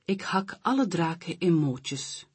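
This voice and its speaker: Woman doing a boastful sword-waving cat for a storybook reading, low, dry close sound. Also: sing-song, slow, breathy edge, no room sound, exaggerated voice. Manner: boastful, fierce. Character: fierce sword-swinging female cat.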